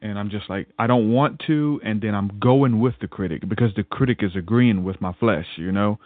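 A man's voice: fairly low pitch, a little fast, dry recording. A man, a podcast guest, telling a personal faith story in a rambling way, often repeating words and restarting sentences. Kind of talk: casual spoken testimony. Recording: tinny phone-like line.

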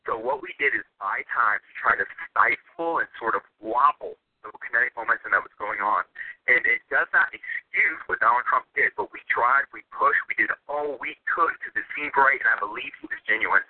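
A man's voice: medium pitch, fairly quick. Guy calling into a show on a tinny line, intense conspiracy rant, keeps repeating stuff to hammer it home. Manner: emphatic, repeats phrases for stress. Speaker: guest commentator. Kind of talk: intense conspiratorial political commentary. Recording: narrow tinny telephone line.

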